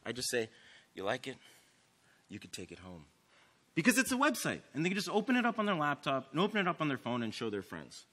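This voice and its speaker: A man's voice: a little high, a bit bright. A man giving a casual, enthusiastic conference talk on stage, full of "like" and "um". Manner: enthusiastic, filler-heavy, many "like"s. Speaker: conference speaker. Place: conference stage before an audience.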